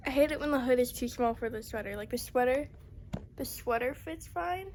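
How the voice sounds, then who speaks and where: A woman's voice: sits high, brisk, a little mellow. A young woman casually vlogging outdoors in slangy talk, chatting to the camera and to animals, with wind on the mic. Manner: slangy, talks to horses. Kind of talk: casual rambling outdoor vlog to camera and horses. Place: outdoors in a windy horse pasture. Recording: strong wind buffeting the microphone.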